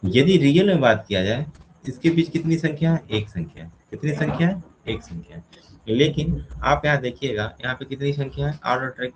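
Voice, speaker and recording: A man's voice: medium pitch, background noise. Male teacher working through a problem. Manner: asks questions and answers them himself, counts step by step. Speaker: reasoning teacher. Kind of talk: explaining a classroom problem.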